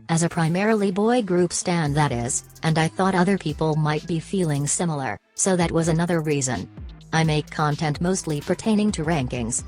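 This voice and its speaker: A synthetic woman's voice reading out a written answer in an even machine delivery. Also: low voice. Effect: text-to-speech voice.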